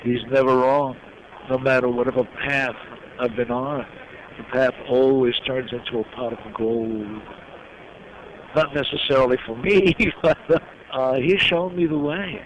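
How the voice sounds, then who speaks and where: An older man from New York telling personal stories as an interview guest, reflective and heartfelt, pausing often. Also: mid-range voice, steady tone. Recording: dull lo-fi sound with clear background noise.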